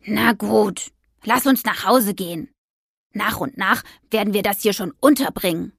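A hot-tempered young witch from an audio storybook speaks brash and self-righteous, her voice pitched above the narration, as a woman reader acts her out. A husky, grainy tone, close and dry. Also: measured pace, dry recording. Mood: dejected. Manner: indignant, brash, shouting at passers-by.

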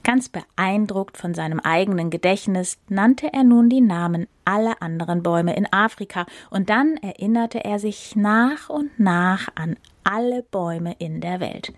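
A woman reading a fairy tale aloud for a podcast in a calm, measured storytelling voice. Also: medium pitch, dry recording, studio quality.

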